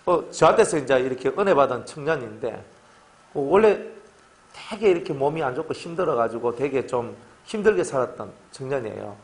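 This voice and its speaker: A middle-aged pastor with a medium-pitched voice gives a sermon full of jokes and energy. Time and again he asks his congregation for agreement.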